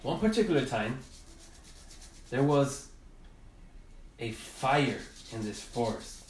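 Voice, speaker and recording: A man leads a drawing lesson, telling a gentle story as he colors. He speaks in a middle-pitched voice, unhurried and halting, with frequent restarts. The sound is roomy and distant, as if the mic were several feet away. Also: expressive. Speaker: art teacher.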